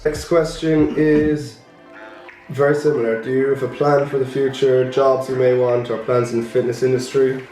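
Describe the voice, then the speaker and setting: A young man chatting casually as a fitness vlogger, his voice hoarse and worn, chuckling between answers. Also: mid-range voice, level tone, normal speed, dark tone. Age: young adult. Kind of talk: casual chat. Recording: echoey room with music behind.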